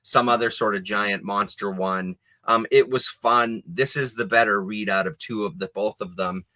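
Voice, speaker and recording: A man co-hosting a casual livestream chat over a video call, relaxed and rambling, now and then swearing offhand. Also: lowish voice, normal speed, no room sound. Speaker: co-host.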